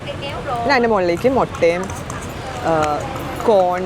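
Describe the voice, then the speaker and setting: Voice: medium pitch, expressive, unhurried. A Malayali travel vlogger chatting casually to viewers, switching between Malayalam and English. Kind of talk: travel vlog narration, casual chat. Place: busy city streets and a cafe. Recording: noisy outdoor city traffic behind.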